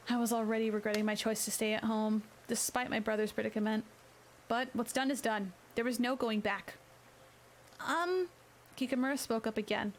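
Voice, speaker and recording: A woman reads her own novel in a hushed, whispered role-play, her voice sitting slightly high and gentle. She narrates in a quiet first-person tone, with faint rain and a crackling fire behind her. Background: rain and crackling fireplace.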